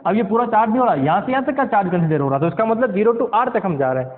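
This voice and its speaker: High-voiced man lecturing in echoey tinny sound. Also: expressive, fast talker. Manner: keeps asking the class questions, checks understanding; mixes English science terms into Hindi. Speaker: physics teacher. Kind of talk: classroom lecture at a board. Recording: tinny lo-fi sound with long reverb.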